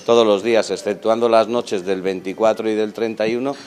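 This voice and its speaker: A man's voice: lowish voice, steady tone, fairly quick, darkish tone. A man in his thirties, a restaurant manager, answering interview questions in a restaurant dining room, speaking earnestly with frequent fillers and restarts into a handheld mic. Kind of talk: on-camera interview. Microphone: handheld mic held by interviewer.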